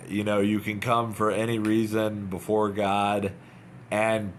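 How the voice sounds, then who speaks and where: Slow, earnest man urging, low voice. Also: a little hiss or hum. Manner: earnest, urging, repetitive, halting. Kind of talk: informal devotional talk, unscripted.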